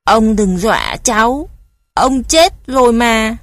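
A woman's voice: medium pitch, slow, a little mellow, no room sound, close to an everyday voice. A woman doing a timid little boy. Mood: pleading. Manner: pleading, shy.

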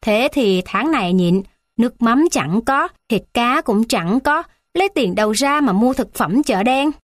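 A woman's voice: on the high side, lively intonation, a little slow, no room sound, clean studio sound. A woman doing a grumbling, irritable mother. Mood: irritated. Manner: grumbling, scolding. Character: irritable, sharp-tongued mother.

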